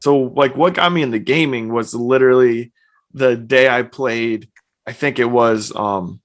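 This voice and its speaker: A man's voice: mid-range voice, measured pace. A young man, a guest on a podcast, who talks in a loose, chatty way and fills his speech with "like.". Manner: relaxed, chatty, uses lots of fillers like "like". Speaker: podcast guest, streamer and personal trainer. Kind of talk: casual interview chat. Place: home, evening.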